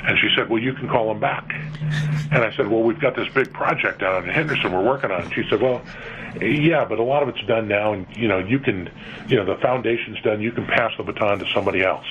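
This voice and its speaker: A middle-aged man from California speaks in a fairly low voice. He talks haltingly, stumbling over repeated words and fillers as he answers a radio interviewer. The broadcast sounds dull and lo-fi, with a faint hiss underneath. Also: a bit bright. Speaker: interview guest, museum executive.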